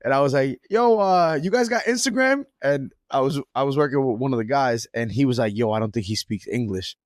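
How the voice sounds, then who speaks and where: A man's voice: mid-range voice, steady tone, fast talker, darkish tone, dry recording, studio quality. A young man co-hosting a podcast, telling a story in casual chat full of slang and restarts. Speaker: podcast co-host. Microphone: podcast mic.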